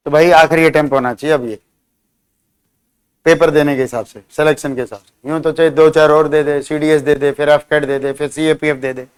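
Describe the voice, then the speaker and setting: Male vocab teacher, smooth resonant voice, quizzes and ribs a class. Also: fairly high pitch, fairly even intonation, a little fast. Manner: drills words by spelling them out and quizzing students; teasing, scolding banter with students. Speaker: English teacher.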